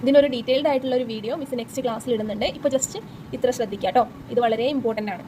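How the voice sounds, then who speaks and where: With a fairly high pitch and fairly even intonation, a young woman teacher with a Malayali accent leads an exam-prep lesson amid background noise. She reads the textbook text slowly and deliberately, breaking exam questions down step by step and answering the questions she raises.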